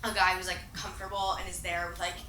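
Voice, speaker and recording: A woman's voice: on the low side, level tone, quick pace, echoey room, background noise. A woman in her late twenties, a casual podcast guest, chatting in a giggly, rambling way with lots of fillers. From Boston area, USA. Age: 20s. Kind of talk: casual chat. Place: room with a couch.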